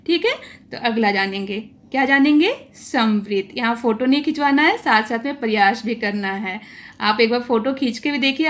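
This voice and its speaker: A woman teaching a grammar lesson to exam students, explaining patiently and saying each vowel sound aloud for listeners to repeat. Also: a little high.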